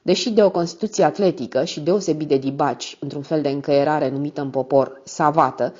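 A woman narrating an audiobook with expressive storytelling. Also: deep voice. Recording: dull lo-fi sound.

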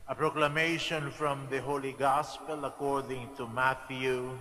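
Filipino priest, slow measured gospel reading, big cathedral echo. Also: male voice, mid-range voice, steady tone, bright, forceful tone. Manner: slow, measured liturgical delivery. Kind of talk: reading the Gospel and preaching at Mass. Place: large church. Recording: long church reverb.

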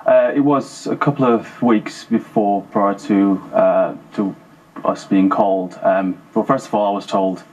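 Husky low-voiced man, halting speech. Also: fairly even intonation, a little mellow, poor audio. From Afghanistan. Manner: halting, with repeated words and fillers. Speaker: former paratrooper guest. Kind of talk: studio interview. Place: TV studio sofa. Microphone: lapel.

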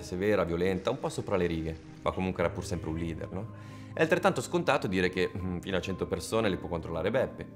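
A man playing a political commentator in a mockumentary interview, explaining things in a lecturing tone. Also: low voice.

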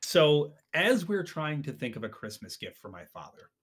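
Laughing, animated storytelling man. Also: fairly high pitch, moderate pace, slightly rough. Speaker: podcast guest. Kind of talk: casual chat.

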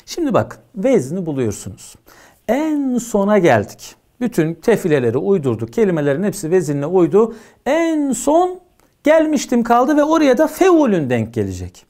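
A male teacher giving an exam prep lecture, his pitch swinging widely as he stresses each point. He drills rules emphatically and keeps checking that his students are following along. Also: huge pitch swings, moderate pace, dark tone.

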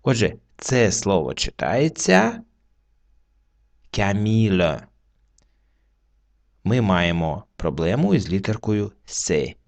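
Guy teaching french word by word, deep gravelly voice, patient and slow. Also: sing-song. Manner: slow, patient explaining with pauses. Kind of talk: word-by-word reading lesson.

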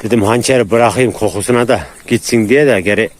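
A man talking casually to viewers about his dogs outdoors, now and then calling to them in high, loud bursts. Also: quick pace, slight background noise. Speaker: dog breeder filming his dogs.

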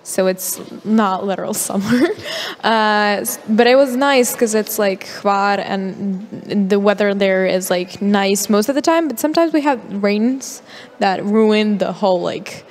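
In a large hall serving as a festival press area, a teenage girl who acts answers questions and translates for her director at a measured pace, her pitch medium. Her speech is hesitant and packed with fillers, captured on a handheld mic with noticeable hall reverb.

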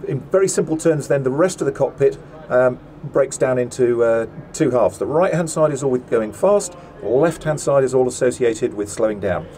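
A middle-aged man, a land speed record driver, gives a methodical, measured cockpit tour with frequent ums and uhs. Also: mid-range voice, warm tone, slight background noise. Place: seated in a car cockpit inside a large workshop. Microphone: small camera mounted in the cockpit.

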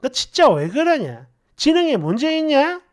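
A woman's voice: high voice, very animated, normal speed. A woman voicing a blunt, scornful young woman friend who mocks and insults harshly.

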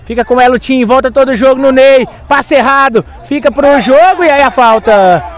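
A Brazilian man calling a football match live, play by play, as its commentator. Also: fairly quick. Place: small outdoor grass football ground, at the touchline. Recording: outdoor pitch, faint crowd noise.

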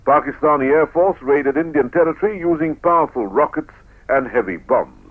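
A man's voice: on the high side, normal speed. Old newsreel man on tinny radio. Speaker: newsreel narrator. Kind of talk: old newsreel narration, scripted.

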